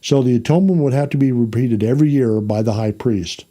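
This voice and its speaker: A man's voice: mid-range voice, fast, dark tone. A man teaching a conversational Bible lesson, explaining plainly and checking in with his class as he goes, with fillers and self-corrections. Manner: explains plainly, checks in with the class by asking "okay?" and "all right?".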